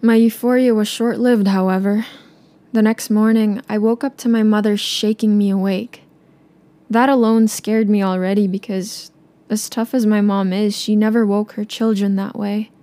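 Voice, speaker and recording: A young woman, a native Tagalog speaker, narrating a personal story in a soft, subdued way. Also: mid-range voice, fairly even intonation, normal speed.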